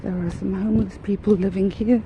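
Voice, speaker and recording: A woman walking her dogs outdoors vlogs in a medium-pitched, steady voice, talking a little fast and out of breath. Her casual monologue is rambling, frank, and wry; the muffled recording has slight background noise and faint outdoor sounds.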